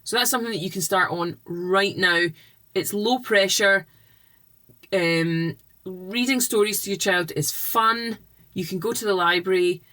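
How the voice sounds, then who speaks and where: A woman reading tutor giving patient, explanatory tips to parents in an unhurried instructional vlog. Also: mid-range voice, sharp tone.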